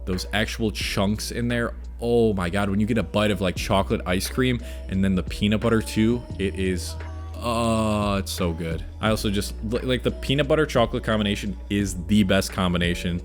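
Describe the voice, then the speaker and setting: A young man with a fairly low voice talks casually to his online audience over background music. He is enthusiastic and laid-back, with plenty of slang, as he takes viewer questions. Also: normal speed. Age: young adult. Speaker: video creator answering viewer questions.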